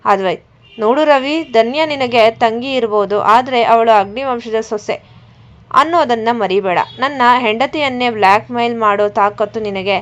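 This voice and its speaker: A man's voice: very high-pitched, normal speed, fairly bright tone. A woman voicing a stern, protective young husband who speaks firmly, on a dull lo-fi recording. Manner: firm, threatening in defense of his wife.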